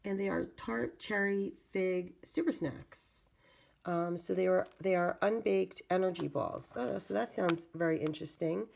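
A woman talks casually through an unboxing in a low, raspy voice with heavy vocal fry. She sounds stuffed up with a cold and moves haltingly between reading and commenting. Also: darkish tone. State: congested from a lingering cold. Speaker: video channel host. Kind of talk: casual product unboxing narration.

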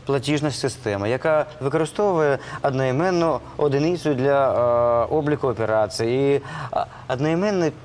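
An actor playing an awkward, nerdy crypto miner who explains things with stammers and hesitations. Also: male voice, medium pitch, normal speed, few pauses, darkish tone, slight background noise, natural voice. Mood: explaining.

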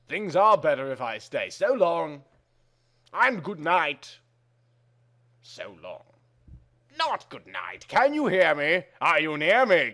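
A man giving a dramatic reading of verse, theatrical and emphatic, with drawn-out phrases and shifts between loud and hushed. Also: on the high side. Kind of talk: dramatic reading of song lyrics.

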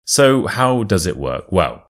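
A man with a modern British RP accent, speaking as an English teacher who narrates scripted lessons and stories with deliberate enunciation for learners. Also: deep voice, very animated.

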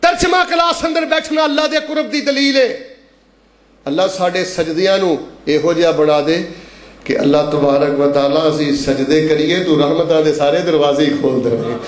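A man's voice: fairly high pitch, normal speed, reverberant. A man preaching a Friday sermon, calling on the congregation to repeat after him and chanting verses in a sweeping, rising and falling voice.

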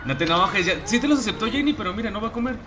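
Playful streamer, lively pitch. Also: male voice, racing, background noise. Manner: playful, teasing, bursts into excited yells. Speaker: game streamer. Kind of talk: casual live-stream commentary.

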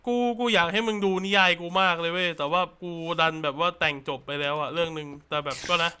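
A young man chatting casually with a friend while gaming, crude and excitable, swearing often. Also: on the high side, fast, clear, resonant tone. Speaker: gamer streamer.

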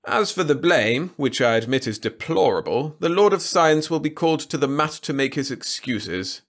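A man's voice: fairly high pitch, lively intonation, pitched above the performer's own voice. Man doing a pompous alien emperor. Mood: haughty. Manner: haughty, commanding, drawn-out delivery.

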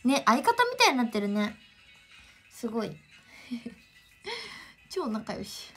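A woman's voice: on the high side, very animated, slow, fairly bright tone, husky, soft background music. A young woman with a Kansai accent chatting casually on a home livestream, giggling often and answering viewers' greetings. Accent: Kansai Japanese.

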